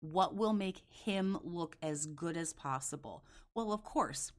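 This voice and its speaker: A woman's voice: fairly low pitch, slow pace. A woman giving reaction commentary in a blunt, scolding, sarcastic and sweary way.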